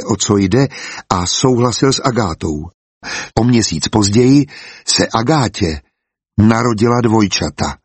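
A man narrating a storybook as an audiobook, in a calm and even way. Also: fairly low pitch, slightly rough, no echo.

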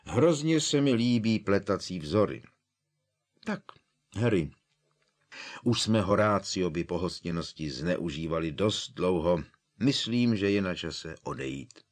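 A man voicing a calm, kindly old male headmaster wizard with a gentle, dry humor. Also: low-pitched. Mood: wry.

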